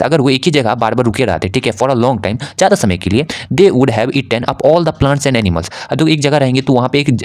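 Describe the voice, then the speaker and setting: A man teaching, walking students through exam answers and reading the written answers slowly before explaining them quickly. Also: mid-range voice. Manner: fills with repeated "okay".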